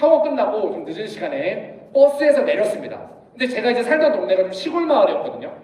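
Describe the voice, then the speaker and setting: A man's voice: high-pitched, dark tone. A young man preaching at a youth retreat, telling stories and acting out the voices of the people in them. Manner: storytelling, acts out voices of people in his anecdotes. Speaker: youth pastor. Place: large church hall. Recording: echoey hall, voice from far off.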